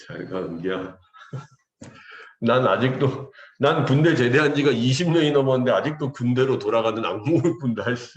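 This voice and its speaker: Lively, jokey man telling stories in class. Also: mid-range voice, moderate pace, reverberant, highs cut off. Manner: animated, jokey, acts out quoted voices. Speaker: English teacher. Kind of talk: casual storytelling to students.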